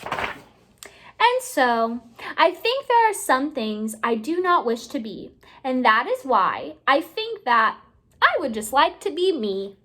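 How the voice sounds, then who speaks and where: Here a teacher narrates a children's story out loud in a high female voice. The delivery is unhurried and expressive, full of rising and falling pitch, with words drawn out for the kids listening.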